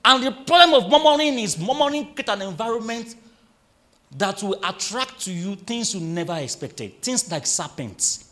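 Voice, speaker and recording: Male pastor, high and very animated sermon voice, call-and-response delivery. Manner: reads scripture slowly and emphatically.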